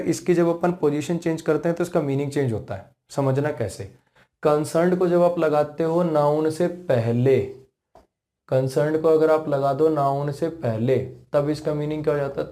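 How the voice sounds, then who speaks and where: A man's voice: fairly high pitch, dark tone. A man with an Indian accent teaching English grammar, who explains patiently, repeats himself and keeps checking that his students follow. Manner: slows right down to spell out English example sentences. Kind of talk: classroom lesson.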